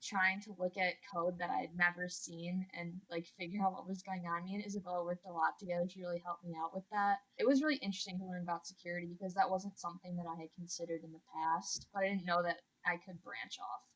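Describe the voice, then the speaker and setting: A woman's voice: lowish voice, fairly even intonation, fast talker, few pauses, a bit bright, low-quality recording. A young woman from Illinois, a student guest talking casually in an interview. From Illinois, USA. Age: young adult. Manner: casual, many "like" fillers. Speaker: undergraduate guest.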